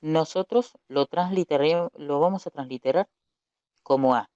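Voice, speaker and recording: A man's voice: fairly high pitch, unhurried, dark tone, clean tone, no room sound. A man teaching a recorded Hebrew lesson, explaining patiently, repeating key points and correcting himself as he goes. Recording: dull lo-fi dry recording.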